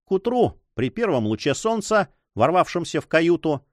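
A man reads a story aloud in an expressive storytelling manner. His pitch rises and falls in lively swings. The recording is dry and close. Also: normal speed, no echo. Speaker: audiobook narrator. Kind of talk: scripted narration.

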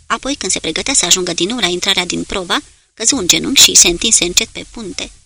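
A woman narrating a war novel audiobook in a measured, dramatic reading. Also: on the low side, gravelly, bright, forceful tone, slightly rough.

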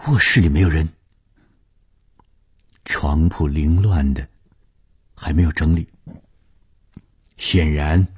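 A man narrating a suspense story for radio, reading dramatically and dropping to a hush in tense passages. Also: very deep voice, breathy edge.

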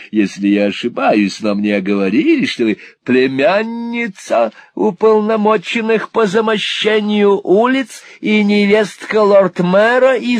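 A grandiose old gentleman with a high, strained voice. He speaks in slow, flowery courtly phrases with a pompous air. The timbre sits well away from the reader's own voice. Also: dry recording, studio quality. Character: eccentric, pompous old male gentleman suitor. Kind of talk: audiobook character voice.

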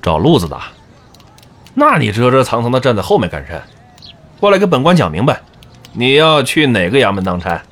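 An actor playing a haughty, suspicious, greedy official in an audio drama. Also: male voice, mid-range voice, big pitch swings, a little fast, pauses often, a bit bright. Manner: haughty, self-important.

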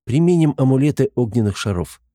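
A man playing a calm, protective young prince who speaks in a level, measured way. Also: mid-range voice, dry recording, clean studio sound, voice pushed up, close to an everyday voice.

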